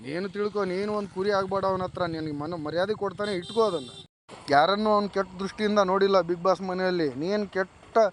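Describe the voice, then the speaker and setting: Man, high-pitched voice, reality show commentary, scolding and lecturing. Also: fairly bright tone, slight background noise. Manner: scolding, lecturing tone addressed directly to a contestant.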